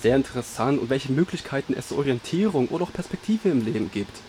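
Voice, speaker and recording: A man's voice: mid-range voice, lively intonation, fast talker, warm tone, faint music behind. A young man from Germany hosting a radio show, presenting in an upbeat, scripted announcer manner.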